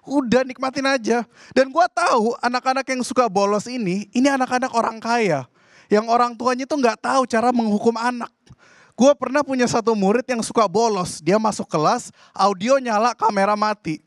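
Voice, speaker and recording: Male stand-up comic from Indonesia, high voice, dry close sound, exasperated ranting, stage set. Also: moderate pace, no echo. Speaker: stand-up comedian.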